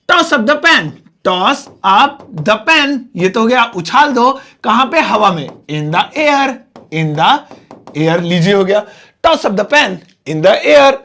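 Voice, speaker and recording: Indian guy teaching english in hindi, high and a bit gravelly, says each phrase slow word by word. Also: a bit bright. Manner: chatty, repeats phrases slowly word by word. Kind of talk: Hindi-medium English lesson.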